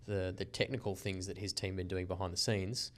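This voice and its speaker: Deep-voiced podcast host. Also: male voice, little pitch movement, a little fast. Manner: friendly, rambling with restarts and fillers. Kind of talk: casual podcast interview.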